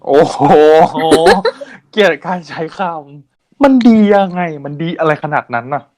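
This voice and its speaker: A man's voice: a little high, very animated, slow, darkish tone. A man co-hosting a podcast in a casual chat, asking curious, playful questions.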